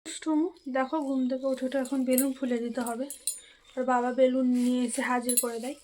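At home, a woman chats casually with her viewers in a vlog, talking to them straight on as if they were friends. Her high voice is warm but flat, she talks fast, and she's hoarse from a cold. The audio is poor, with slight background noise.

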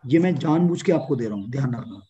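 A man's voice: medium pitch, animated, quick pace, mellow, slight background noise. A man acting as a theatre mentor, directing students through an online class. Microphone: video call. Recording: dull lo-fi online call audio.

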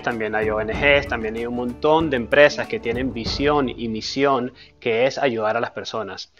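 A man, introducing himself to camera in a steady, earnest way with frequent fillers. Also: medium pitch. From Venezuela. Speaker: personal finance YouTuber. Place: dark studio with a screen backdrop.

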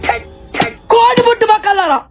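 An actor playing a cowardly, easily spooked young man who yelps and shouts in panic in a comic film scene. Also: very high voice, animated, fairly quick, over loud music. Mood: ranting. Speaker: film comedian.

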